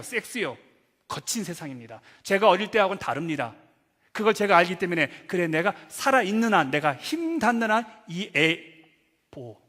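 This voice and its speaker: A middle-aged male pastor giving a dramatic Sunday sermon, swinging from loud acted quotes to hushed asides. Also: sits high. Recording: long church hall reverb.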